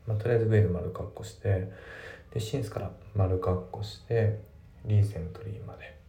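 A male English teacher explaining grammar and pronunciation step by step, reading example sentences slowly. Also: lowish voice, gravelly, dark tone. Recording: echoey room, distant mic.

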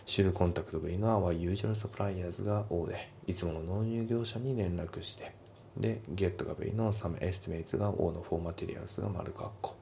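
A man's voice: deep voice, vocal fry, dark tone, a little hiss or hum. A man teaching a test-prep English lesson, explaining the grammar step by step and repeating each pronunciation point twice.

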